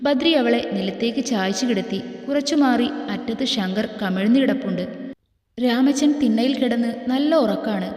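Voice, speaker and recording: A woman storyteller reading a romance story aloud in a steady, expressive way. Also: fairly high pitch, normal speed. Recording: echoey room with long reverb.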